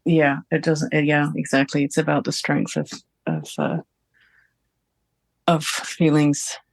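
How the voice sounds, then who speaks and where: A woman speaking as a client in a live therapy session at home, hesitant and halting, often pausing to search for words. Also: sits low, big pitch swings, vocal fry, no echo.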